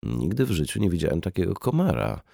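A man reading an audiobook, voicing an easygoing father at a beach barbecue in a relaxed, everyday way. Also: deep voice, fast, vocal fry, no room sound, clean studio sound, exaggerated voice. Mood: puzzled. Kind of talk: audiobook character voice.

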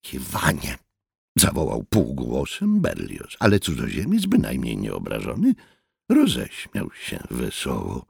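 A deep, gravelly male narrator reads a novel aloud with slow, expressive swings in pitch. His raspy voice is recorded close and dry, with no room around it. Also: no echo. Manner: expressive, measured. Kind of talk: audiobook reading.

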